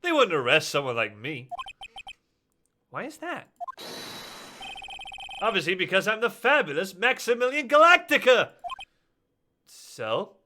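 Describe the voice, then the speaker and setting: A man's voice: sits high, huge pitch swings, measured pace, pauses often, background noise, heavily acted. A man voicing a flamboyant, vain male stage magician in a fan game voice-over, drawling and calling people sweetie. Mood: smug. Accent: put-on Southern US when panicking. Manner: drawling, calls everyone sweetie.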